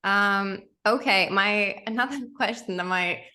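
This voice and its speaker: A woman's voice: medium pitch, unhurried, sharp tone. A woman hosting an interview, chatting casually and rambling with many restarts. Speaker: podcast host.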